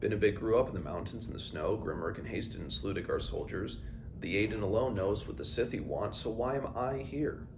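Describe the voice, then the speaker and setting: Acting as a read-along host, a man with a low-pitched voice discusses a book and reads passages aloud in a brisk, informal way. His speech comes in hesitant starts and stops, with clear background noise throughout.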